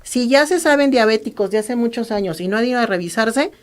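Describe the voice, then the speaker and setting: Calm Mexican woman doctor explaining. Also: on the high side, fairly quick. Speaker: ophthalmologist guest. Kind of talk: interview, explaining medical advice.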